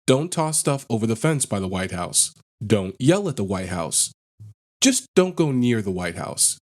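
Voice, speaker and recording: A man narrating online posts in a flat, list-like read-aloud delivery, as a scripted narration. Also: on the low side, a little slow.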